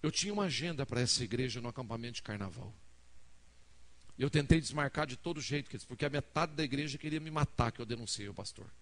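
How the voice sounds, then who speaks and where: A man's voice: medium pitch, lively intonation, fast talker. A man from Brazil, a pastor preaching a sermon, telling a story and acting out each person's lines to the congregation. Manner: dramatic storyteller acting out dialogue, addressing the congregation. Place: church hall.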